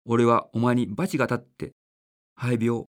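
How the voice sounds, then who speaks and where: Man reading as sickly stepfather, weeping and pleading, soft and low, storybook reading. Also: flat delivery, measured pace, close to an everyday voice. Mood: remorseful. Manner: broken, pleading.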